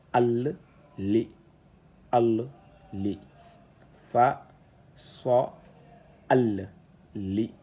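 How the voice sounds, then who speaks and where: A man teaching a reading lesson, spelling out syllables one at a time and explaining each rule slowly with fillers and restarts. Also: fairly low pitch, vocal fry, mellow, slight background noise.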